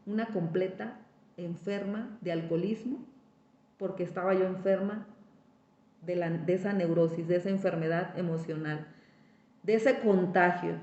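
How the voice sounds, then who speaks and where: A woman gives a spiritual recovery testimony, addressing her listeners directly and repeating words for emphasis. Her voice is fairly low, steady, and dark, at a normal speed, on an echoey, dull lo-fi recording.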